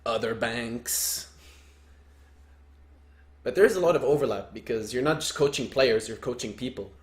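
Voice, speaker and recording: Guy from lebanon on a soccer podcast, dry jokes, mid pitch, roomy echo. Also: normal speed. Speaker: podcast co-host, soccer coach. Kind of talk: casual podcast chat.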